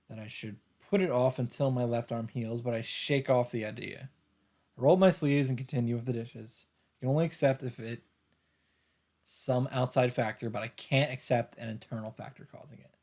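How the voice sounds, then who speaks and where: A man hosting a let's play reads visual novel narration aloud in a medium-pitched, warm voice, with game music faintly behind him.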